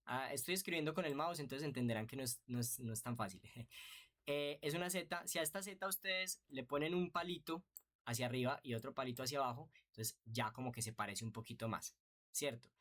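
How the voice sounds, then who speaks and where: A man's voice: medium pitch, a little fast, fairly bright tone. A man teaching an online music theory lesson, patient and explanatory, often checking in with rhetorical questions.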